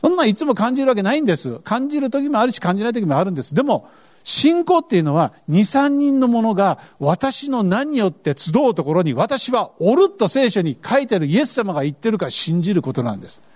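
Male pastor, sermon, high and lively delivery, earnest questioning tone. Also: fairly quick. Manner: earnest, asks the congregation questions.

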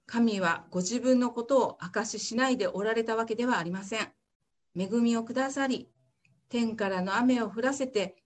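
A woman reading a Bible passage aloud in church, steady and careful, then praying. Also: a little high. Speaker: scripture reader.

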